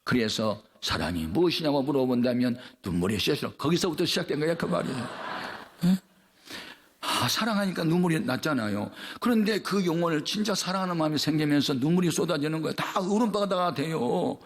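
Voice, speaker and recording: A man pastor delivers a revival sermon in a voice a little higher than most men's. He tells a story in a folksy, conversational way, then lifts it into fervent preaching with big swings in pitch and loudness. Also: animated, fairly quick.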